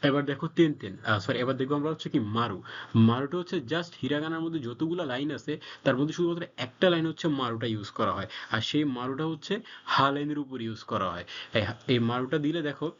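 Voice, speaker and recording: A man's voice: medium pitch, animated, fast talker, fairly bright tone. A man teaching a casual language lesson, informal and repetitive, with frequent fillers. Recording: slightly dull lo-fi audio.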